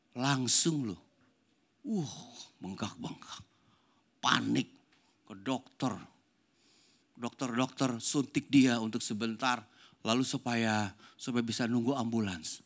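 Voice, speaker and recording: An older man, a pastor, preaching a sermon and telling a family story, swinging between loud emphatic lines and hushed, soft passages. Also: medium pitch.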